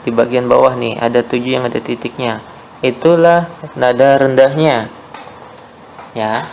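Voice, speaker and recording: Seorang guru pria memberi pelajaran musik daring untuk murid sekolah, dengan sabar mengulang poin penting dan sering bertanya "ya" atau "oke". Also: male voice, mid-range voice, fairly even intonation, measured pace, vocal fry, darkish tone, a little hiss or hum, poor audio. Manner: patient, repeats key points, checks in with "ya" and "oke". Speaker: teacher. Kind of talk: online music lesson for schoolchildren.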